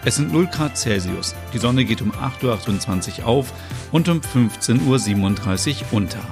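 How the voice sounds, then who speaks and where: A man's voice: medium pitch, expressive, normal speed, music in the background. A man giving scripted narration of a comedy audio series in a matter-of-fact announcing manner.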